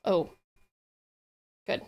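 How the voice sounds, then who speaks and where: Speaking very slowly in a darkish tone, a woman runs a casual livestream as a virtual streamer host. She chats with viewers sweetly and effusively, using plenty of endearments.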